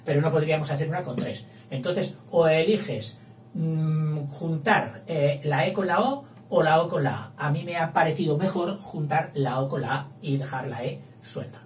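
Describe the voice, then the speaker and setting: A man teaching literature, chatting as he counts syllables and reads lines of verse slowly aloud. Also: fairly high pitch. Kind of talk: explaining poetic meter at a whiteboard. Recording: roomy, distant mic, faint hum.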